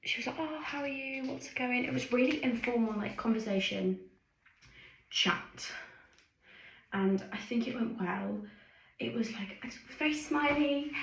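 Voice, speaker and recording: A young woman from England chatting excitedly in a casual video diary, rambling with lots of fillers and restarts. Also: on the high side, background noise. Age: young adult. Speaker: vlogger.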